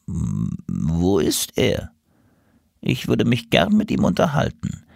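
Man doing a hushed old crow seer woman. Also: low voice, wildly swooping pitch, creaky, no echo, clean studio sound, voice pushed down, exaggerated voice. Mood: scolding. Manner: slow, hushed, ominous whispering.

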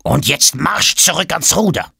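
A man's voice: a little high, expressive, unhurried, gravelly, pushed and bright, husky, no room sound, clean studio sound, pitched above the performer's own voice, exaggerated voice. A man voicing a stern male servant who orders a boy around. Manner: stern, commanding.

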